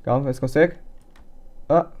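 A young man with a European Portuguese accent chats through a game session. He mutters his moves to himself and breaks into rapid bursts of repeated words when the action heats up. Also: medium pitch, darkish tone. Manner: chatty, muttering to himself while playing. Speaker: gaming youtuber. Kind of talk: let's play commentary.

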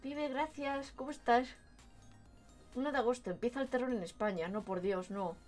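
A woman's voice: a little high, moderate pace, a little mellow, faint music behind. A woman with a Madrid Spanish accent, a cute anime-style streamer reacting casually and expressively on a livestream. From Madrid, Spain. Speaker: VTuber streamer.

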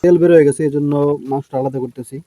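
A woman with a low voice who talks fast, chatting casually in a home cooking vlog. She speaks straight to her viewers and keeps asking them to comment. There is a faint hiss of noise behind her. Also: fairly even intonation, dark tone. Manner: chatty, asks viewers to comment, plays with a child. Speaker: family vlogger.

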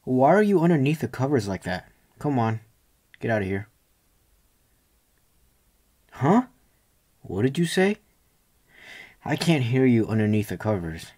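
Here a young man voices a loving, attentive boyfriend for a gentle ASMR roleplay, coaxing and reassuring in a breathy tone that often nears a whisper. His pitch is medium, and he comes across as teasing yet puzzled.

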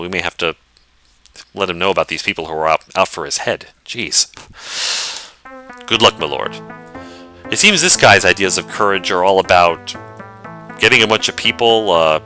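Low-voiced man doing chatty game commentary. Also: lively intonation, fairly quick, sharp tone, soft background music. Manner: thoughtful, chatty, frequent fillers. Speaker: let's play host.

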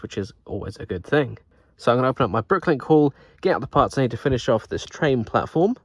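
Over footage of his Lego build, a channel host talks casually in a medium-pitched voice, musing aloud in a bright, friendly manner. The recording has no echo.

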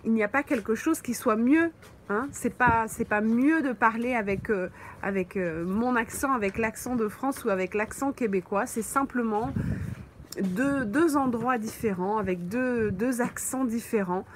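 A woman teaching French on a live stream, slowly answering viewers' comments with frequent pauses and fillers, from a holiday mobile home. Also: on the high side, a little hiss or hum. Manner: slow, patient, thinks aloud with many fillers.

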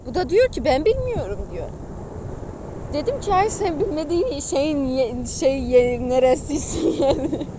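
A high-voiced woman with a Sivas accent tells stories in a casual, animated, gossipy way, full of folksy exclamations. She is outdoors, with clear wind, water and engine noise around her. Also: measured pace. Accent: Sivas, central Anatolian Turkish. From Sivas, Turkey. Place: outdoors by the sea.

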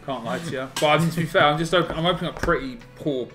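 A man's voice: fairly high pitch, racing, a bit bright, faint music behind. Young man in casual gaming chat. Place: small room at home.

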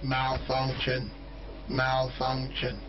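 Glitching monotone robot. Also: male voice, mid-range voice, extremely slow. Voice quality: flat, monotone, repetitive. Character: glitching male robot, malfunctioning, repeating error codes. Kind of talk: video game enemy voice lines. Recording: dull lo-fi game audio with music behind.

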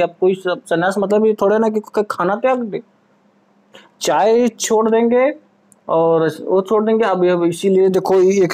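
A man chats casually in a home vlog, calm and firm, with a teasing edge. He is recorded indoors on a camera set up in front of him. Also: sits high. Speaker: vlogger husband pulling a prank.

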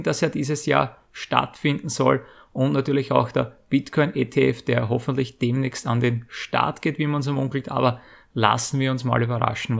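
A man's voice: medium pitch, vocal fry. A middle-aged man, hosting a video and announcing a giveaway in a wordy, informal explaining way. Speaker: YouTube channel host. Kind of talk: scripted giveaway announcement to viewers.

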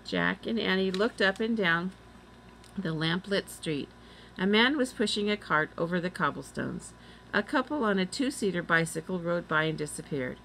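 A woman narrates a children's chapter book aloud in a steady, clear way. Her voice sits fairly low, with a faint noise in the background. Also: moderate pace, low-quality recording. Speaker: reader. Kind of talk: storybook read-aloud.

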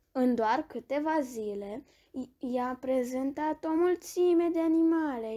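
A woman reading a bedtime story aloud, gentle and expressive, with small restarts. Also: high-pitched.

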